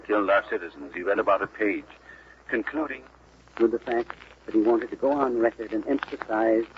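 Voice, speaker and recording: A man reporting live from a legislative chamber and reading a resolution at a measured pace, heard on an old 1940s radio broadcast. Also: lowish voice. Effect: old 1940s radio broadcast sound. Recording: muffled lo-fi archival radio with faint hiss.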